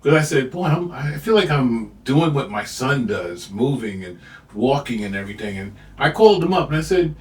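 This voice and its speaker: A man's voice: medium pitch, big pitch swings, moderate pace. Older man telling stories in an echoey room. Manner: reflective storytelling with many "you know"s. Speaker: podcast co-host. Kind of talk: casual chat. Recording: echoey room, mic at a distance.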